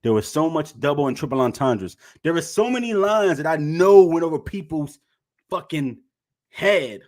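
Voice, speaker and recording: A man co-hosting a casual podcast, talking emphatically, repeating his points and swearing, and getting loud and animated when excited. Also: a little high, moderate pace. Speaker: podcast co-host. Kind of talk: casual chat.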